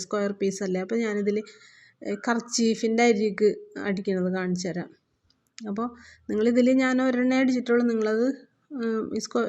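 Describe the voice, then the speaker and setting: A woman's voice: mid-range voice, highs cut off. A woman giving a patient step-by-step sewing lesson, repeating each step and checking that learners follow. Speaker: sewing teacher.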